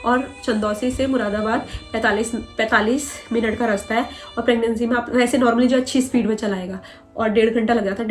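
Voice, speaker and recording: A young woman vlogger retelling a hard personal story in a rambling, earnest way. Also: fairly high pitch.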